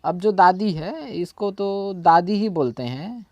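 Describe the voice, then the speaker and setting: A man's voice: high voice, animated, slow, darkish tone, no echo. A man with a Chhattisgarhi Hindi accent teaching a language in a casual spoken lesson, often checking in and correcting his own slips. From India.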